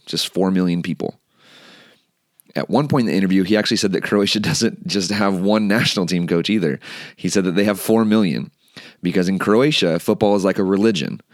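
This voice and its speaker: A man hosting a podcast, talking in a relaxed, earnest way with some restarts. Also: low-pitched, no echo, studio quality. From United States. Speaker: podcast host. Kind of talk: podcast intro and interview. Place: California.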